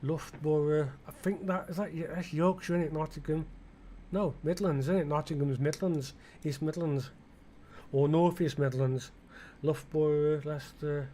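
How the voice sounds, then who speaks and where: A man's voice: on the high side, fairly even intonation, normal speed, mellow, slight background noise. A British man musing aloud in rambling flight-sim commentary, often asking himself questions and restarting his sentences, with blunt, mildly irreverent asides. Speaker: gaming video creator.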